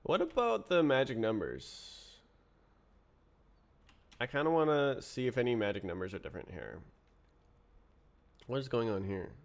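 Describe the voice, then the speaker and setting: This male streamer sounds ill as he codes live, talking through his thinking in muttered, unfinished fragments. His mid-range voice swings widely in pitch, moves at a moderate pace, and breaks into long pauses.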